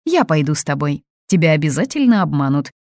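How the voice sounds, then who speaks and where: A woman reading an audiobook, voicing a domineering, controlling middle-aged mother who talks loud and imperious. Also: low-pitched, big pitch swings, brisk, dry recording, clean studio sound.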